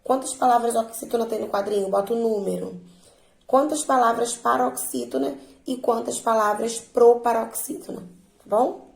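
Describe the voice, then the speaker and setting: A woman teacher slowly and patiently walking her students through a worksheet, drawing out words to stress their syllables. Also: fairly high pitch, fairly even intonation, creaky, reverberant, poor audio. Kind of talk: remote lesson walking students through exercises.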